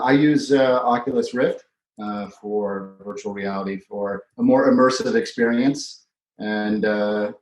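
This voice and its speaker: A man who won a sim race, describing his setup in a relaxed post-race interview. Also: on the low side, reverberant, rough recording. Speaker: winning sim racer.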